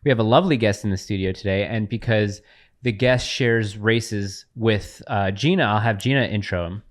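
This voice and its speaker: A man's voice: lowish voice, normal speed. A man co-hosting a casual podcast, opening the show with a loose, joking delivery. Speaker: podcast co-host.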